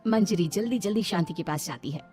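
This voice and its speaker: Her delivery is brisk with a dark tone as this mid-pitched female narrator reads a scripted moral tale. The piece is cartoon storytelling, accompanied by music.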